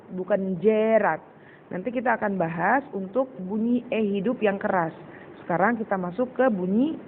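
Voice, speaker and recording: A woman teacher giving a patient recorded lesson to children, slowly sounding out syllables and repeating words. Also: medium pitch. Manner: addresses pupils as "Nak". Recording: tinny phone-like recording with faint hiss.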